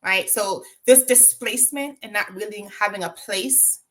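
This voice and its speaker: An interview guest from Jamaica reflects on her own story, her Jamaican accent marked by frequent ums and tag questions. She talks at normal speed in a medium pitch.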